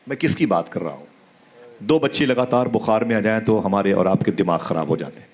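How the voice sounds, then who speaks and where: A man's voice: fairly low pitch, lively intonation. A male preacher speaks at a live religious gathering and tells a story with rising emotion. He repeats phrases for effect and keeps calling out to the crowd in a dramatic sermon style. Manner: repetitive, dramatic, rhetorical appeals to the crowd.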